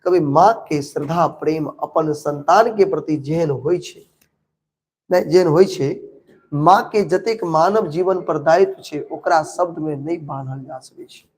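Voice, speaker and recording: A man's voice: on the high side, a little slow, a little mellow. A young man teaching an exam-prep lesson. He asks his own questions, answers them, repeats key words and checks understanding.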